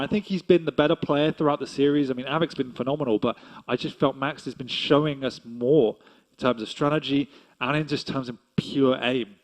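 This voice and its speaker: A man's voice: medium pitch, low-quality recording. Chatty male esports caster. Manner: analytical, chatty, laughs easily. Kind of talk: esports commentary.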